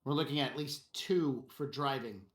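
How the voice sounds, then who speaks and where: A man's voice: medium pitch, normal speed. A man working as game master, improvising narration for a tabletop game and chatting casually with players. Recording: roomy, echoey sound.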